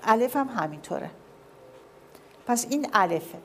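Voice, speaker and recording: A woman's voice: a little high, animated, fairly bright tone, a little hiss or hum. A woman giving a classroom lecture with slides, often asking her listeners whether they see and follow.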